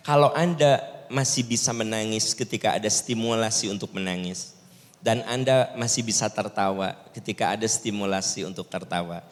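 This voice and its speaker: A man preaching a sermon with a Sundanese accent, lively, sometimes jumping into high mimicking voices. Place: large mosque hall. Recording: long reverb of mosque hall.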